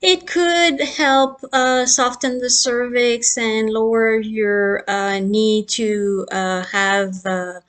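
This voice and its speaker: A woman's voice: medium pitch, level tone, slow pace, few pauses. A middle-aged woman obstetrician giving a casual explanatory talk, chatty, with many fillers and laughs between points.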